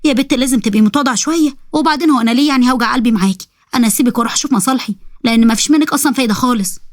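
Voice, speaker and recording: Woman putting on a fed-up egyptian mom, scolding fast, dry close sound. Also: a little high, no echo, natural voice. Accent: Egyptian Arabic. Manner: scolding, exasperated. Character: exasperated middle-aged mother.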